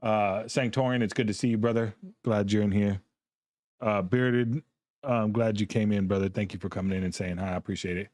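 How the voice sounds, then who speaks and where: Tired, rambling man, low voice. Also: fairly even intonation, a little fast, a little mellow, no room sound. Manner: rambling, easygoing, chuckling between thoughts. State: tired, yawning. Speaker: gaming streamer host. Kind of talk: casual chat to a live stream audience. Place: home gaming room with a green screen.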